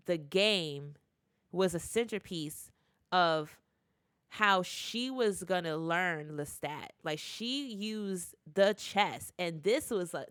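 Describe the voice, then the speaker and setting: A woman's voice: on the low side, clean tone, no room sound, studio quality. A woman recapping a TV show in a casual vlog, retelling scenes with lots of fillers and restarts. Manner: animated retelling with acted quotes, many fillers and restarts. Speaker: TV recap YouTuber.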